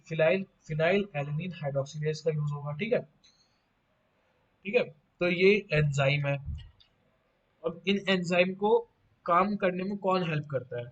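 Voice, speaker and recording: A man teaching a pharmacy lecture with a fairly high-pitched voice. He keeps asking questions and answering them himself, and drops in playful asides. The audio sounds dull and lo-fi. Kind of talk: online lecture.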